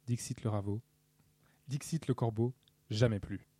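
A man's voice: medium pitch, a little slow, warm tone, husky, dry recording. A man co-hosting a podcast, reading texts aloud and often stumbling and restarting phrases. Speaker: podcast co-host.

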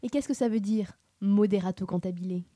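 A woman reading the part of a stern, sadistic piano teacher who scolds and shouts at a child. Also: medium pitch, brisk, no echo, studio quality, natural voice. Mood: scolding. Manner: scolding, exasperated, bursts into shouting. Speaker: reader. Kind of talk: dramatic reading.

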